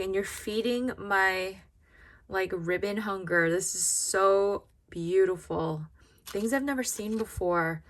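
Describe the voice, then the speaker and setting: A woman giving casual unboxing commentary in a gushing, grateful manner, drawing out her exclamations. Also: mid-range voice. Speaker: craft vlogger unboxing happy mail.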